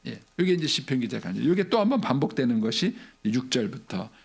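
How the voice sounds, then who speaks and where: A man's voice: mid-range voice, very animated, fairly quick, creaky, husky. A middle-aged male pastor giving an early-morning church sermon in a conversational way, asking rhetorical questions and acting out an inner dialogue. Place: church sanctuary.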